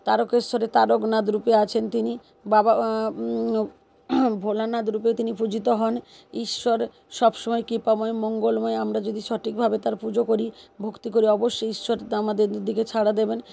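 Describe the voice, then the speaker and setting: A woman calmly explains a home worship ritual, pausing often and hesitating as she talks. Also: a little high, gravelly. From West Bengal, India. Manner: calm and unhurried, with frequent hesitations. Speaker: devotional vlogger.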